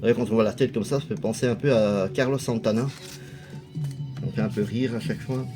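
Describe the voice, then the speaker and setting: A man's voice: mid-range voice, steady tone, fairly quick, music in the background. A man casually commenting as a video host, chatty and hesitant, with lots of fillers. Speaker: video host showing a music collection.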